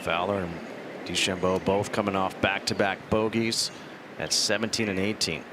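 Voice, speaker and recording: A man's voice: low-pitched, flat delivery, normal speed. A man leading live golf commentary, concisely announcing players and scores. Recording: outdoor broadcast with clear background noise.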